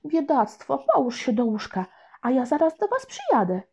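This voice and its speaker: A woman's voice: sits high, wildly swooping pitch, normal speed, a little mellow, breathy edge, pitched above the performer's own voice, heavily acted. A woman voicing an anxious, caring old grandmother on the phone in a storybook reading. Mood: worried. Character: worried, fussing old grandmother. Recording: dull lo-fi recording.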